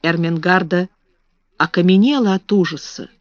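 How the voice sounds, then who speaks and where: A woman narrating a children's novel in a measured reading voice, in a dull lo-fi recording. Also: lowish voice, no echo. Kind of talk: scripted audiobook narration.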